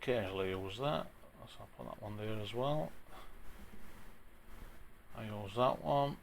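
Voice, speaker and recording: A man with a broad Yorkshire accent talking through an informal software tutorial in a plain-spoken, chatty way, with a gravelly voice. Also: fairly low pitch, measured pace, a little hiss or hum. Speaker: tutorial presenter.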